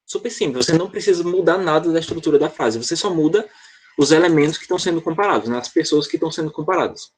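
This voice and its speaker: A Brazilian man teaches an online English class in a relaxed, chatty way, often checking in with students by asking "tá?". His voice is a little high and husky, and he talks rapid-fire.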